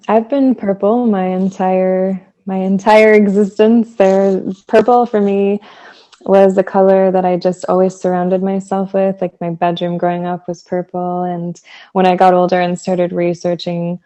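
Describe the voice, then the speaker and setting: A woman's voice: mid-range voice, flat delivery, measured pace, warm tone, rough recording. A woman from Texas, a musician guest in a casual interview over a video call, enthusiastic and laughing often. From Texas, USA.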